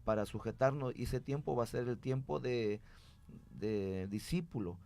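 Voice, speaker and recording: A man's voice: medium pitch, normal speed, gravelly, darkish tone. A man, a pastor sharing his experience in an earnest, chatty way. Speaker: pastor, guest. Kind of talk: conversational testimony.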